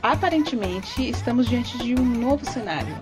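A woman's voice: on the high side, expressive, moderate pace. A woman with a Bahian Brazilian accent co-hosting a podcast in a casual, conversational style. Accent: Bahian Brazilian Portuguese. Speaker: podcast co-host. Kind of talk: casual chatty podcast presenting. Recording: loud background music under the voice. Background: background music.

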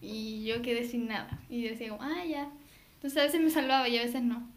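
A woman's voice: fairly high pitch, fairly even intonation, fairly quick. A teenage girl with a Chilean accent, chatting and laughing with friends about school. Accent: Chilean Spanish. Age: teens. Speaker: student. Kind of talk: casual chat.

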